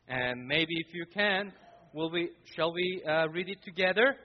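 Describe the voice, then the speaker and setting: Man pastor preaching in a church, slow and earnest, long echoey hall reverb, dull lo-fi sound. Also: on the high side, expressive. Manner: earnest, addresses congregation directly. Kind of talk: sermon. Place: church sanctuary.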